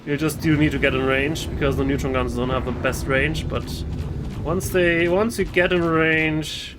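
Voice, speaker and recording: A gaming video host casually comments on his own gameplay, rambling and hesitant, restarting often. His voice is on the high side and steady at a moderate pace, with background noise and game music clearly behind him.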